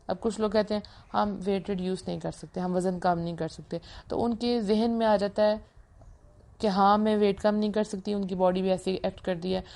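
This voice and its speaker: A woman's voice: medium pitch, mellow. A young woman giving an earnest religious motivational talk, coaching listeners and mixing English phrases into her speech. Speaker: motivational speaker.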